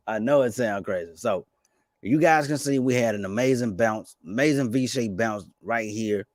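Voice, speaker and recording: A man giving casual, fast-talking commentary on stocks and crypto, excitable and stumbling over restarts. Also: medium pitch, no room sound, clean studio sound. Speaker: finance YouTuber.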